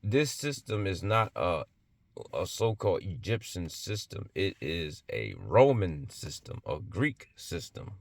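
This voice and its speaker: A man's voice: low voice, sing-song, measured pace, dry recording. Man in a blunt, emphatic religious monologue. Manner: emphatic, rhetorical questions, blunt and profane.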